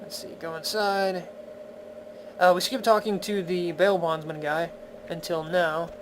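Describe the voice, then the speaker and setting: A man's voice: high-pitched, fairly even intonation, a little slow, low-quality recording. A man giving casual let's-play commentary in a chatty, playful, wry way. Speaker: video game commentator. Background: game music.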